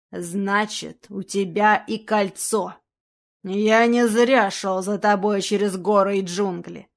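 Lady doing a cruel bearded bandit, growls slow threats, storybook villain. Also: medium pitch.

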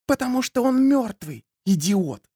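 A man voicing a sharp-tongued, scornful woman who snaps and scolds in an audiobook story. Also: very high voice, sing-song, unhurried, slightly rough, dry recording, clean studio sound, voice pushed up, full character voice. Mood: scornful snapping. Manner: snapping, scolding, sarcastic.

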